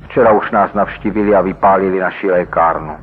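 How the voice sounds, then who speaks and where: A man's voice: sits low, fairly even intonation, breathy edge. Man doing a pleading young gang leader. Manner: urgent, pleading. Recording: tinny radio broadcast, faint hiss.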